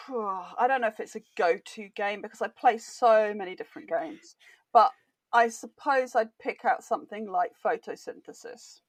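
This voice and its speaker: A woman's voice: medium pitch, moderate pace, no room sound. A British woman, a board game author, chatting enthusiastically as a podcast guest. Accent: British English. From Britain. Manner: enthusiastic, chatty, laughs easily. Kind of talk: casual interview chat.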